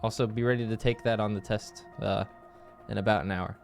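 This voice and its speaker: A man's voice: fairly low pitch, fairly even intonation, brisk, vocal fry, faint music behind. A man streaming a game, recapping it in casual chat and jumping into silly voices and sound effects.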